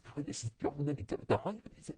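Woman, casual vlog commentary, low voice, dark tone, talks to herself while typing. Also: very animated, fast talker, slight background noise. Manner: sudden high-pitched exclamations. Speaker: vlogger. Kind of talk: casual screen-recorded commentary.

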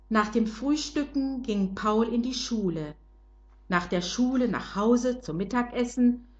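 An older woman slowly and gently narrating a children's storybook. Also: a little high, lo-fi sound.

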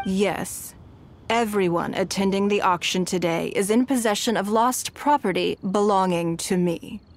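A woman's voice: mid-range voice, close to an everyday voice. Ningguang, a woman voicing a poised shrewd noblewoman. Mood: cool. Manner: measured, cool and commanding. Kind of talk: game dialogue voice acting. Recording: game audio with music behind.

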